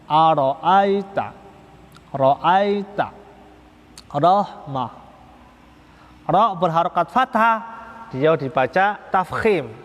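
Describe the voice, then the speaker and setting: Male religious teacher, patient and repetitive, slightly high voice, recorded in a reverberant hall. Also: highs cut off. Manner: patient, repetitive, drawn-out chanted examples. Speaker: Quran recitation teacher. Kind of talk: slow religious lesson on tajwid. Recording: echoey long reverb hall.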